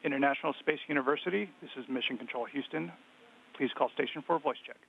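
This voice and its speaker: A man working as a mission control communicator, making brisk, formal, clipped procedure calls over a radio link like a space communicator. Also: medium pitch, vocal fry, a little hiss or hum. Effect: radio transmission. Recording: tinny phone-like radio link.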